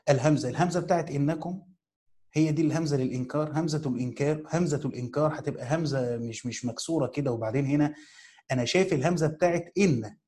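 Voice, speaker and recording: This teacher, an Egyptian-accented man with a somewhat high voice and a darkish tone, reads a commentary to his students phrase by phrase. He slows down to repeat key words for emphasis and asks rhetorical questions while explaining the text.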